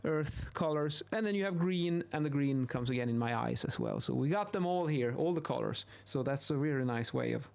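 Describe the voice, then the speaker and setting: Speaking a little high and with animation, this thirtysomething Swedish-accented man has some vocal fry. As a video host teaching acoustics, he explains informally while sketching, halting and repeating words. A boom-arm studio microphone sits close to him in his small home office.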